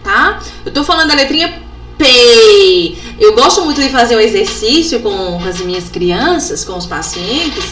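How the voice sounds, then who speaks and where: A woman from Brazil, an educational psychologist giving a workshop, sounding out letters and syllables slowly and ending phrases with tag questions. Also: on the high side, lively intonation, fairly bright tone. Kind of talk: instructional workshop talk. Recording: echoey room with faint background noise.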